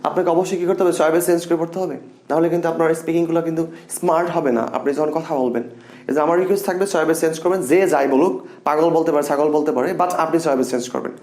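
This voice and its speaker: A young man teaching English grammar in a casual, animated way, repeating example sentences with feeling. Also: on the high side, fast talker. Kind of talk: casual spoken lesson. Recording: echoey room.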